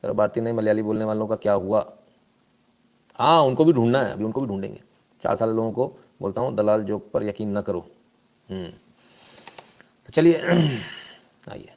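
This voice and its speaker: A man's voice: fairly low pitch, moderate pace, long pauses, a little mellow. A man doing casual live-stream news commentary, sarcastic and scolding, reading out viewer comments and thanking them.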